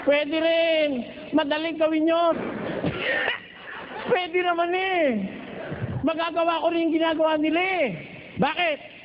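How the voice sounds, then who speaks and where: Preacher man, very high voice, joking and teasing, sings slow chants, dull lo-fi sound, faint hiss. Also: fairly even intonation. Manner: jokey, teasing, breaks into slow chanted singing. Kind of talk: Bible study sermon. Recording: dull lo-fi recording with faint noise.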